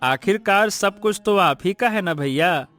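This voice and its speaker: A man voicing a gentle, patient younger son in an animated story, speaking softly and respectfully. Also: sits high, a little slow, soft background music, exaggerated voice. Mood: pleading. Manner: soft, pleading, respectful.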